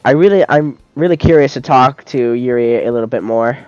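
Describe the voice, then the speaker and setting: A man's voice: mid-range voice, fairly quick, a little mellow, clean tone, dry recording. A man plays through a story game at home, reading the dialogue aloud with frequent stumbles and restarts. The sound is dull and lo-fi, dry and close, with faint game music underneath. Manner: stumbles and restarts often while reading, laughs easily. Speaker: game streamer reading a visual novel aloud. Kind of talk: casual let's-play, reading game text aloud.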